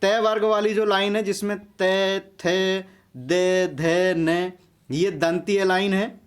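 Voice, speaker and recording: A man's voice: sits high, fairly even intonation, slow pace, clean tone. A man teaching a grammar lesson for exam preparation, explaining step by step and often turning to his viewers as friends.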